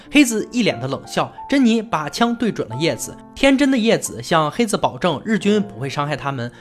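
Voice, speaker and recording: A narrator walks through a war film in scripted recap narration. The pitch swings widely and sits in a middle register. The dialogue is read dramatically in the narrator's own voice over soft background music.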